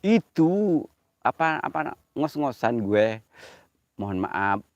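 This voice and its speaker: A man's voice: mid-range voice, sing-song, slow, dry recording. Breathless man, dry close mic. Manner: flirty, joking, calls viewers "sayang". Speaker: live-streaming vlogger. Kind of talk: live-stream chat, thanking viewers. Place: outdoors on a slippery slope in rain.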